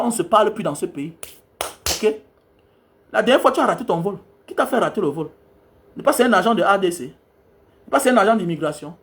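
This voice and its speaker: A young man from Cameroon talks straight to his viewers. His voice sits unusually high for a man. He scolds them in a heated, repetitive rant, hammering the same point again and again. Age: young adult. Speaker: travel advisor vlogger.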